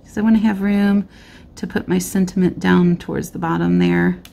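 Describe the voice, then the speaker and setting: With a fairly low, mellow voice marked by vocal fry, a woman talks through making a card at a normal speed and with a flat delivery. She's casual, thinking aloud while she crafts, and sounds a bit hoarse. The indoor craft-desk shot is overhead, showing just her hands on the craft mat.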